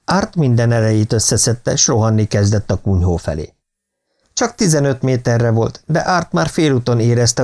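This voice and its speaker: Male audiobook narrator, mid-pitched, steady and even reading of a thriller. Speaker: audiobook reader.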